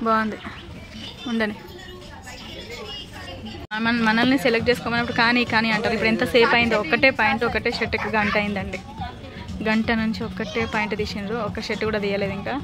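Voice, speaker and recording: A young mother vlogs a family outing, chatting to the camera while coaxing and fussing over her small son. Her voice sits a little high, with a flat delivery, a quick pace and long pauses. Music plays in the background of this casual family vlog.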